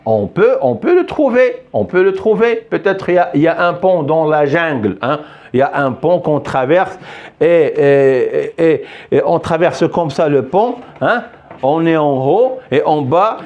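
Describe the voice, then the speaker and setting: A man gives a slow, patient phonics lesson, repeating each word and praising often. His pitch sits a little high and swings widely. The recording sounds slightly dull and lo-fi. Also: darkish tone. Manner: patient, repeats words many times, praises with "très bien". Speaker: French teacher.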